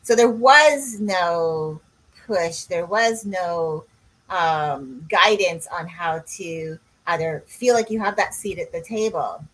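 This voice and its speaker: A woman's voice: lowish voice, slow pace, fairly bright tone, low-quality recording. A woman, a coach co-hosting a podcast in casual chat, rambling and drifting off on tangents. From Canada. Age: 60s.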